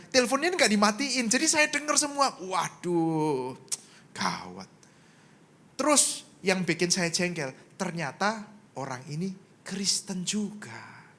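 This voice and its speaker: A male pastor preaching in a casual, conversational way, acting out dialogue with big swings in his voice. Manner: animated, acts out dialogue with sharp pitch swings; colloquial, conversational. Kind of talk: sermon storytelling.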